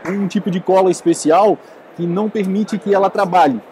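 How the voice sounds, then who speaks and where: Representante masculino, tom técnico e objetivo, voz alta e macia. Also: male voice, high voice, fairly even intonation, normal speed, darkish tone, a little hiss or hum. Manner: technical, matter-of-fact, short agreements. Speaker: company representative. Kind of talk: product explanation. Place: indoor boat show stand.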